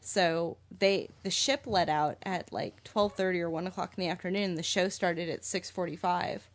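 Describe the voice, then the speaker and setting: A woman's voice: lowish voice, moderate pace. A woman co-hosting a podcast, telling a story in casual chat. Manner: animated storyteller, chatty. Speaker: podcast co-host.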